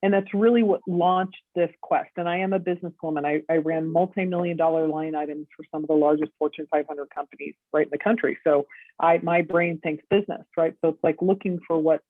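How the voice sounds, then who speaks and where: A woman's voice: low voice, steady tone, brisk, no room sound. A middle-aged woman, a podcast guest, telling her story and acting out the dialogue as she goes. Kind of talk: storytelling interview. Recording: tinny dry phone-line audio.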